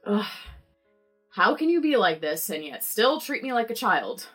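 Anxious young librarian, husky mid-pitched voice, earnest, pleading, music underneath, noir audio drama. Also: female voice, big pitch swings, a little slow, fairly bright tone, exaggerated voice. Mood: exasperated.

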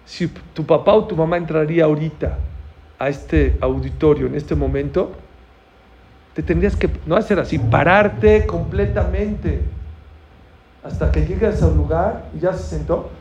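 A man's voice: a little high, moderate pace, warm tone. A man giving a sermon to young people in an auditorium, telling stories, acting out dialogue and asking the audience questions. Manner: storytelling, acts out dialogue, asks the audience questions. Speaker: religious teacher. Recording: dull lo-fi recording, faint noise.

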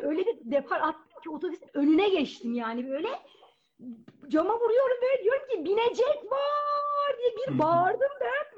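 A woman telling a personal story at a live storytelling event, animated and acting out the voices of people she quotes. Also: extremely high pitch. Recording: dull lo-fi event recording.

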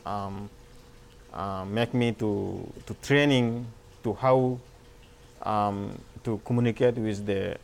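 A man from Sudan with a Sudanese accent, telling his life story haltingly in simple learner's English, often repeating words. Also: lowish voice, gravelly, darkish tone, a little hiss or hum. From Darfur, Sudan. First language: not English. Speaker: refugee volunteer, former farmer.

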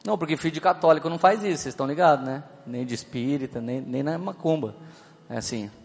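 A man's voice: fairly high pitch, fast, creaky, a little hiss or hum. A man with a Brazilian Portuguese accent preaching a humorous sermon as a pastor, chatty and joking, often acting out little scenes as he tells stories. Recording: hall reverb, faint background music.

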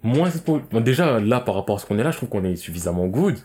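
A man's voice: lowish voice, sing-song, fast talker, warm tone. A young man in casual, slangy podcast chat, explaining his point insistently as a co-host.

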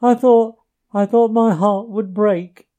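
Mole, a sobbing timid mole. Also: male voice, sits high, fairly even intonation, slow pace, mellow, voice pushed up. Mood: sobbing, grieving. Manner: sobbing, stammering, broken pleading. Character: tearful timid small male mole.

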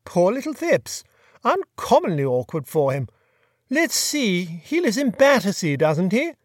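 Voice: mid-range voice, big pitch swings, measured pace, dry recording, voice pushed up. Courteous upper-class gent, airy and clipped, storybook reading, dry sound, narrator-voiced. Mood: breezy. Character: genial aristocratic gentleman sleuth, light and courteous.

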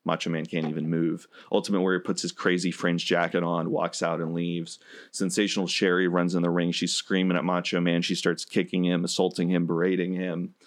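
Deep-voiced man recapping a wrestling match. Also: a little fast. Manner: animated storyteller, many fillers. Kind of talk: casual chat, retelling a match.

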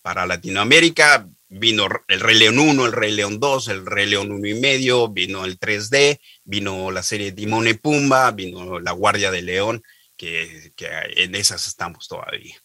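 A middle-aged man with a low-pitched yet intensely bright, forceful voice. He tells career anecdotes as an interview guest in a lively way, often repeating words while he gathers his thoughts, and the sound is close and dry. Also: moderate pace, no echo. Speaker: voice actor guest. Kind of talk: interview storytelling.

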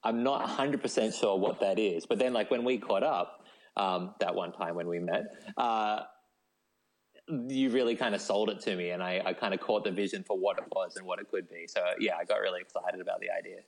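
Brisk and low-pitched, an Australian man chats as a guest in an interview about his work as a novelist, rambling enthusiastically and dropping plenty of casual "like"s. The recording quality is poor.

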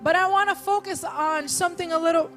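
Very high-voiced woman interpreting a sermon. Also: steady tone, a bit bright, soft background music. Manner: quick restatements, occasional repeated words. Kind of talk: live sermon interpretation into English.

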